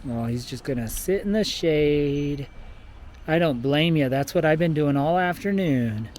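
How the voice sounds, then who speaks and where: A middle-aged man hosting a casual vlog outdoors, talking in a relaxed, rambling way with many ums and uhs. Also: fairly high pitch, unhurried, slight background noise. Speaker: vlog host. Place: outdoors in a mountain town.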